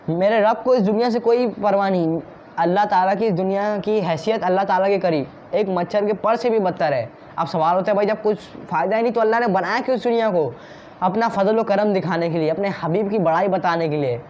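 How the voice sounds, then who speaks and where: A man's voice: high-pitched, a little mellow, lo-fi sound, a little hiss or hum. A man preaching a devotional sermon with fervour, using rhetorical questions to stir his listeners. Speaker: Islamic preacher.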